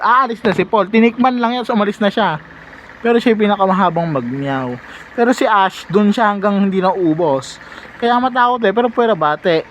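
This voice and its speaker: A man's voice: high-pitched, fairly bright tone, a little hiss or hum, low-quality recording. A young man vlogging casually at home, talking playfully and fondly to his cats with sudden squealing bursts. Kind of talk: casual vlog talk to camera.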